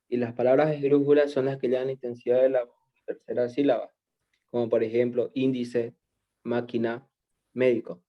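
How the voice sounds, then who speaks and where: A man's voice: medium pitch, flat delivery, moderate pace. Muffled man student listing examples. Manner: lists examples in a reading tone. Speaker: student presenter. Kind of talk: class presentation. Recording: muffled lo-fi audio.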